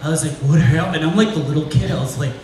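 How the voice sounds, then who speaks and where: A man doing live stand-up storytelling, animated and laughing as he tells the story and calls out to his brother in the crowd. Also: on the high side, rapid-fire. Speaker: stand-up comedian. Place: live comedy venue. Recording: echoey room, distant, loud ambient noise.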